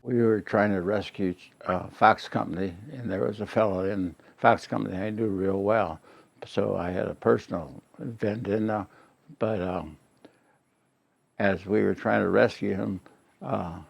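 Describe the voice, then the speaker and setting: An elderly American man, a war veteran, remembering his service aloud in halting, plainspoken, unscripted recollection. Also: on the low side, fairly even intonation, vocal fry, dry recording, lo-fi sound. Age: elderly, late 80s or older.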